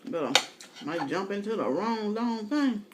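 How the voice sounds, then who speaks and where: A woman's voice: medium pitch, animated, measured pace, very noisy. A middle-aged woman eating as she talks, telling candid, colloquial stories in a casual mukbang chat. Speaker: mukbang vlogger.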